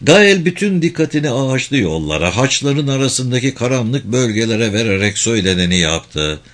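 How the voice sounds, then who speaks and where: A man narrating an audiobook in a measured, expressive reading voice. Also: mid-range voice.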